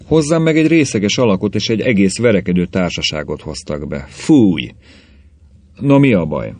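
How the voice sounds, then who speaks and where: A man reading aloud as an unruffled police official, low-voiced and dry, laying out his reasoning without fuss. The sound is close and dead, with no room around it. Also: dry recording. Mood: grumbling. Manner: matter-of-fact, dry, calmly explaining.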